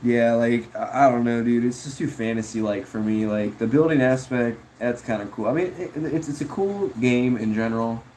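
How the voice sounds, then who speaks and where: A man's voice: medium pitch, moderate pace, few pauses, darkish tone, slight background noise, poor audio. A man chatting casually on a livestream, rambling laid-back about viewer comments and calling people bro and dude. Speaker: streamer.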